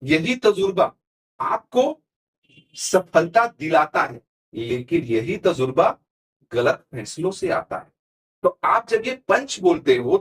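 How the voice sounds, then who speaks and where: This man, appearing as a motivational speaker on a podcast interview, has a high-set voice full of lively leaps in pitch. He's emphatic and animated, hammering his points with punchy, down-to-earth examples the way a veteran stage coach would.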